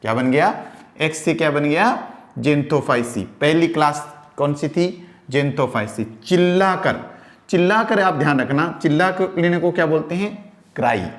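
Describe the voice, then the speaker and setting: A man teaches a science class. His voice sits a little high and his pace is slow and deliberate. He asks questions and answers them himself, and spells terms out as he writes. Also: animated. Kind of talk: classroom lecture.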